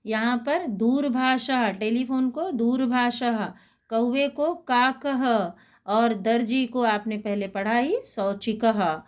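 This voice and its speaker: A woman teaching a Sanskrit lesson to schoolchildren. She is patient and spells out words slowly, repeating them. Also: a little high. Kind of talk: slow explanatory lesson for schoolchildren.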